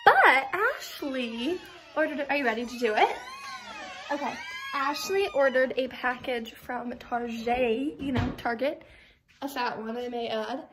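A woman's voice: high voice, expressive, a little slow, a bit bright, slight background noise. A young woman in college chatting casually to her phone camera, giggly and rambling with lots of "like" and "literally". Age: young adult. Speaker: vlogger, college student. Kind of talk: casual phone vlog chat. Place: dorm room and campus lab building. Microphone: phone held at arm's length.

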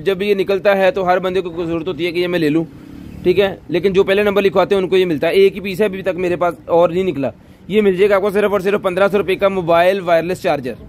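A man selling goods on a live stream in an overeager, insistent teleshopping pitch, repeating himself often. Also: a little mellow, a little hiss or hum.

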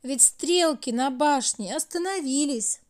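A woman voicing Night, a gentle, motherly figure who soothes and sighs in a storybook tale. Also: high-pitched, a little slow, voice pushed up. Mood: soothing. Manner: soothing, sighing.

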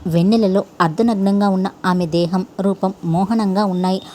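A woman storyteller reading a scripted story in a steady, measured way. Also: medium pitch, a little hiss or hum.

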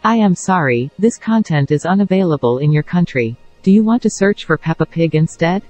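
A man voicing a polite, flat-sounding male voice assistant in a comedy sketch. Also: fairly high pitch, a little fast, faint music behind.

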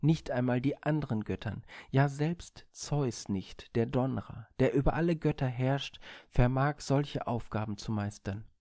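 A man voicing the sun god Helios, a mighty fatherly deity who speaks slowly and solemnly in a storybook reading. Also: medium pitch, warm tone, no echo, clean studio sound, lightly acted. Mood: regretful.

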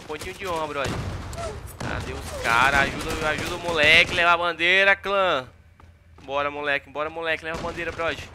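A man's voice: a little high, noisy background. A young man with a Brazilian Portuguese accent, giving casual commentary over his own gameplay, exasperated and full of slang. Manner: exasperated, slangy, repeats tags like mano and véi. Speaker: gaming YouTuber. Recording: gunfire sounds under the voice.

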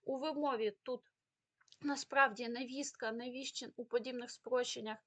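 High-voiced Ukrainian woman tutor. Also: steady tone, pushed and bright. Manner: explains rules step by step, lists example words with emphasis; filler pauses. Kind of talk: exam prep lesson.

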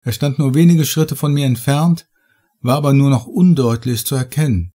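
A man reading a horror story aloud in measured, dramatic, scripted narration. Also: mid-range voice, mellow. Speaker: audiobook narrator.

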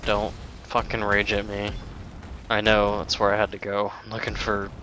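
A man's voice: fairly low pitch, completely flat delivery, normal speed, bright, forceful tone, a little hiss or hum. A man giving casual, rambling commentary over a video game, swearing often and mocking himself. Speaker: let's play gamer.

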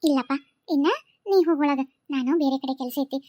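A very high, soothing voice of a protective sister figure in a cartoon, played by a woman, with a North Karnataka accent. It is motherly and gentle, recorded dry and close to the mic. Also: fairly even intonation, brisk, no room sound, lightly acted. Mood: tender. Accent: North Karnataka Kannada. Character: caring young woman guardian, secretly divine.

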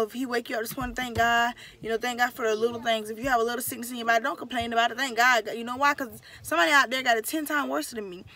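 A woman vlogger speaking straight to her camera with a bright, forceful voice pitched a little high. She is effusive and excitable, circles back over the same phrases, and rushes ahead in quick bursts. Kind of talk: heartfelt talk to camera.

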